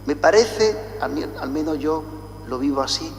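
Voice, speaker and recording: High-voiced Spanish priest in cathedral echo. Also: male voice, animated, soft background music. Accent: Spain Spanish. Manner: slow and deliberate, chanting the liturgical responses. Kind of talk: liturgical homily with chanted gospel. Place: large church. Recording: echoey church with long reverb.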